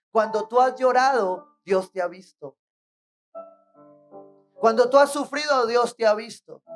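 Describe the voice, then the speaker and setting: A woman preaching a sermon in church, asking rhetorical questions and checking in with the congregation. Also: mid-range voice.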